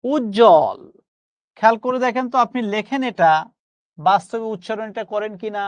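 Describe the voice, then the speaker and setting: A man's voice: high voice, expressive, moderate pace, no echo, lo-fi sound. A man teaching a pronunciation class online, reassuring his students and slipping English phrases into his lecture.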